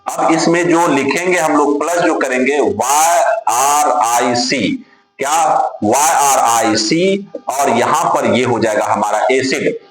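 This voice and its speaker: A man's voice: mid-range voice, slow. A man teaching a chemistry lesson to students. He spells names out letter by letter, asks his own questions and answers them, and calls the students dear children. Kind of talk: classroom lecture. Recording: very echoey room with music behind.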